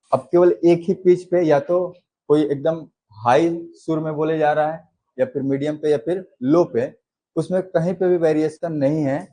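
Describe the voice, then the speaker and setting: A man teaching a class at an unhurried pace, explaining step by step. His voice is mellow and dark, with a slightly husky edge. He lifts and drops his pitch to show examples. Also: poor audio. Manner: slow, unhurried explaining with demonstrative pitch changes. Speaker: commerce teacher. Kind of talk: classroom lecture.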